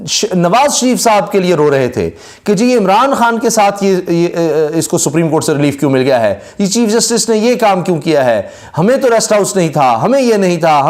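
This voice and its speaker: A man with a somewhat high-pitched voice delivers political commentary. He sounds scornful and keeps posing rhetorical questions to the listener.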